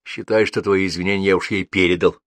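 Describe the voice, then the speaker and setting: Man voicing a calm police colonel, firm, dryly ironic, low. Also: fast talker, dry recording.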